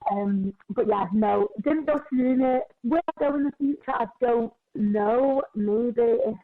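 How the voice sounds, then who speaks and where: A twenty-one-year-old woman, a personal trainer, talking in casual podcast chat, chatty and quick with lots of filler words. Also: fairly high pitch. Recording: tinny phone-like sound.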